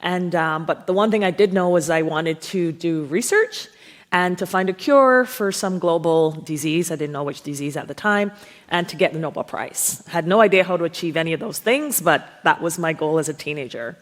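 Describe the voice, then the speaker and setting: A woman's voice: lowish voice, moderate pace. A middle-aged woman from Barbados, a professor giving a chatty conference talk about her own journey, laughing easily. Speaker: keynote speaker, professor. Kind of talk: conference talk, personal story. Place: large auditorium. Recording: hall reverb from a PA.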